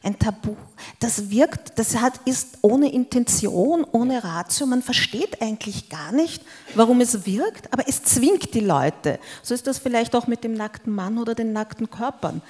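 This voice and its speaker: A woman's voice: on the high side, expressive, moderate pace, hardly any pauses, darkish tone, slightly rough, in a large hall. Woman moderating a panel. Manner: explanatory, guiding questions. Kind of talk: panel discussion. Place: large hall with audience. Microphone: handheld mic.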